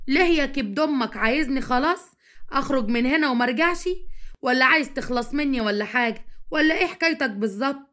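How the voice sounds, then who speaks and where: A woman's voice: high voice, fast talker, fairly bright tone. Woman voicing a nagging Egyptian wife. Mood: sarcastic. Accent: Egyptian Arabic. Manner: nagging, sarcastic scolding. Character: sharp-tongued jealous young wife.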